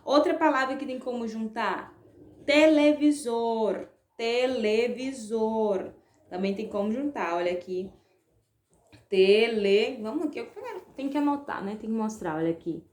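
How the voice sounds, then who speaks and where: A woman with a Brazilian accent teaching a Spanish lesson to schoolchildren, spelling out words slowly by syllable and checking in with a frequent "ok?". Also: a little high, lively intonation. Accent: Brazilian Portuguese. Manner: slow, drawn-out, spelling out syllables. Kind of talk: online class lesson. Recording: echoey room.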